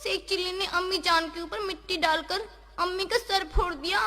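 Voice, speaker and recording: A woman doing a shrill complaining wife. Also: steady tone, moderate pace, big-room sound, very noisy.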